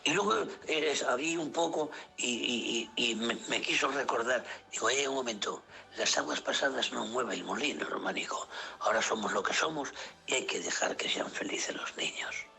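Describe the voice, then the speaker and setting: A man preaches an emotional sermon, his gravelly, bright voice dropping to hushed whispers and then rising into sudden high cries. Faint music plays behind him. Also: moderate pace. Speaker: pastor.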